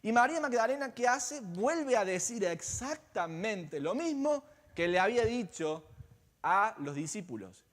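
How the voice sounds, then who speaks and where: High-voiced pastor preaching in a reverberant church. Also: male voice, big pitch swings, a little slow. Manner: dramatic storytelling, swinging between loud and hushed. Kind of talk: Easter sermon. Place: church sanctuary. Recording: long church-hall reverb.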